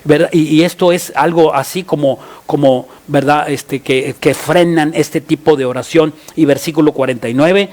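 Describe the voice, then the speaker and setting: A Mexican pastor with a fairly high voice preaches a sermon. He stumbles and restarts often, filling pauses, then cries out prayers at full voice. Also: steady tone. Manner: halting, many fillers and restarts, cries out prayers loudly.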